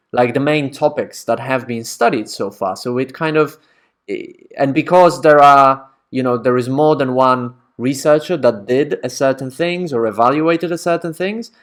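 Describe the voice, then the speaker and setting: Man casually explaining academic writing. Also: medium pitch. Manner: conversational, checks in with frequent "right?".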